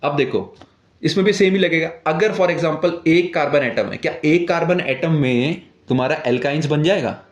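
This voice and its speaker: A young male chemistry teacher gives a classroom lesson in a fairly high voice. He puts questions to his students and answers them himself, checking in again and again. The sound bounces around an echoey room. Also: moderate pace.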